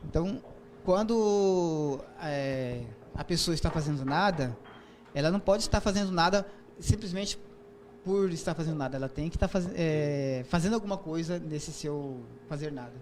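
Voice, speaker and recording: A man's voice: on the high side, normal speed, a little mellow, a little hiss or hum. A man with a Brazilian Portuguese accent, a poet and author interviewed as a guest, explaining poetic forms patiently with frequent fillers and restarts. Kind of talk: interview, explaining and reciting poetry.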